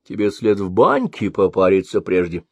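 A man's voice: very animated, darkish tone, no echo, exaggerated voice. A man reading an audiobook voices a cunning old crone who ferries travelers and mocks them. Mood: sly. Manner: high cracked wheedling old-woman voice, slow and drawn out. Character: cunning old crone ferrywoman, mocking and sly.

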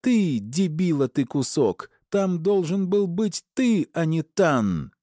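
Мужчина изображает разъярённую богиню-жену. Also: male voice, on the high side, huge pitch swings, normal speed, a little mellow, no room sound, studio quality, pitched above the performer's own voice. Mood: furious. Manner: screaming insults, hissing sarcasm. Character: furious young goddess wife, shrill and cursing.

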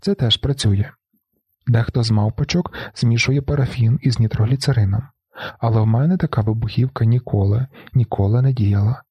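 A man reading a novel aloud in the first person, with a flat, brooding delivery. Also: medium pitch, normal speed, slightly rough, no room sound, lo-fi sound. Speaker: audiobook narrator.

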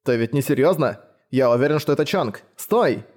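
Man voicing a sullen young man, gruff, defensive, audiobook. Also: mid-range voice, animated, normal speed, darkish tone, lightly acted. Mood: grumpy.

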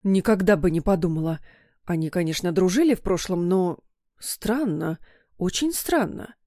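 A woman's voice: mid-range voice, normal speed, darkish tone, no echo, clean studio sound, lightly acted. A woman voicing a flustered, anxious middle-aged mother in an audiobook, fretful and sighing.

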